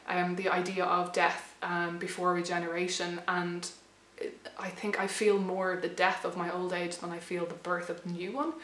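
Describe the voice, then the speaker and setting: A woman's voice: on the low side, sharp tone, echoey room. A woman around thirty talking in a thoughtful, hesitant way, with many restarts, her voice a little worn. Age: late 20s to 30. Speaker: channel host. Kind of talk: reflective personal vlog.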